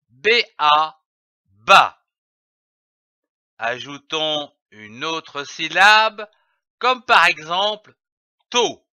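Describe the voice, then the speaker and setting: A man teaches early reading at a very slow, deliberate pace, sounding out each letter and syllable for young children. His voice is bright and fairly high, and it rises and falls in a lively way. The sound is dry and a little dull. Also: smooth, no echo.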